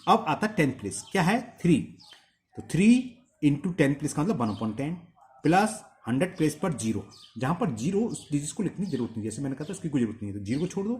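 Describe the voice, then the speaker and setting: Lively male maths teacher. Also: fairly high pitch, fast. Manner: asks questions and answers them himself, repeating steps. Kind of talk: blackboard-style maths lesson.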